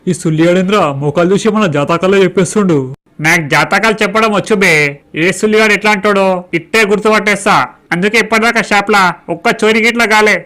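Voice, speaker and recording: A man's voice: high voice, steady tone, quick pace, sharp tone, soft background music. A man, swearing through brash banter in a comic skit. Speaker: comedy skit performer. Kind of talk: crude comic skit dialogue.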